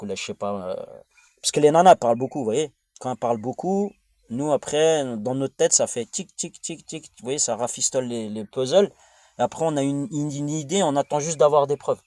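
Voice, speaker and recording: The recording is dry and studio quality, carrying a medium-pitched man's voice with a darkish tone. This French vlogger, an adult father of a young child with a French accent, talks in a rambling, informal, blunt and crude slangy monologue full of digressions and repetition.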